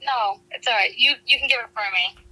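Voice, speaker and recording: A woman's voice: a little high, fairly quick, sharp tone, poor audio. A woman heard on speakerphone, calling in to friends and giving short, hesitant replies.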